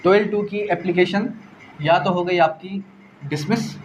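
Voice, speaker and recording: A man with a high-pitched voice and a Pakistani accent explains the law for exam preparation at a moderate pace, raising questions and resolving them. He code-switches between Urdu and English legal vocabulary, with a faint hiss or hum in the background.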